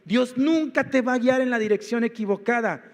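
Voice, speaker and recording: A man's voice: very high-pitched, normal speed, long reverb tail. A male pastor preaching a sermon, walking his congregation through numbered points and rhetorical questions. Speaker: senior pastor. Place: church.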